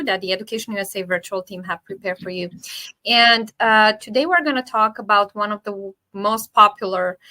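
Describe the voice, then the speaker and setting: A woman's voice: medium pitch, sharp tone, rough recording. A woman hosting a live online webinar, upbeat and welcoming, with frequent filler words. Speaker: webinar host.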